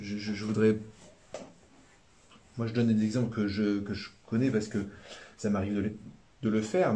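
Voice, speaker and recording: This religious brother, whose accent is Southern French, delivers a laid-back spiritual talk live in a lowish, warm voice. The talk is rambling and halting, full of fillers and words said twice.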